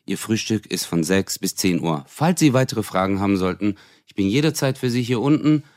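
Brief: man putting on a calm, courteous hotel receptionist, pitched lower and softer. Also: brisk, dry recording, studio quality, lightly acted. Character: polite hotel receptionist, patient and formal.

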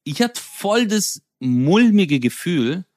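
A man in casual chat, telling an animated story with lots of slang and acted-out dialogue. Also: sits high, takes it slowly, dry recording, clean studio sound.

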